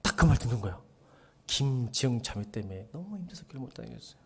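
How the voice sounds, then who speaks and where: A man's voice: mid-range voice, animated, fast talker, creaky, breathy edge. A middle-aged male pastor giving a casual sermon, chatty and joking, who acts out dialogue and often drops to a murmur.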